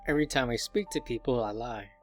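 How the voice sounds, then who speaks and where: A lonely, frightened schoolgirl from a visual novel confides her thoughts in a quiet, confessional murmur , read out by a man at a mid-range pitch. Light piano music sits softly behind the voice. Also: fast talker, close to an everyday voice. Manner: quiet, confessional inner monologue. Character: lonely, fearful teenage schoolgirl narrator.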